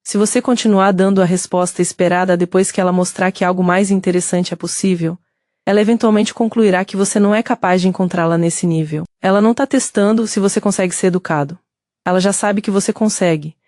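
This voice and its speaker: A woman with a Brazilian Portuguese accent giving steady scripted narration that speaks directly to the listener. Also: mid-range voice, fast, no echo, studio quality.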